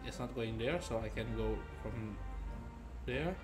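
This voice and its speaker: At a measured pace and in a mid-range voice, a young streamer delivers casual let's-play commentary that is playful and full of muttering and self-repeated phrases. Behind him at his indoor gaming desk are game music and keyboard clicks.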